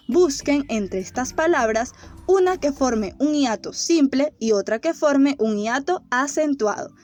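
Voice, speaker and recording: A woman teacher giving a grammar lesson to children, explaining slowly and clearly with playful images. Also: high-pitched, darkish tone.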